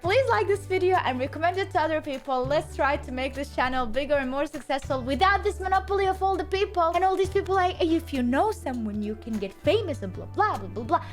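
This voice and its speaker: A woman's voice: sits high, lively intonation, brisk, few pauses, soft background music. A young woman from Bosnia, hosting a reaction video in an emphatic, chatty, rambling way. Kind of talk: casual reaction commentary.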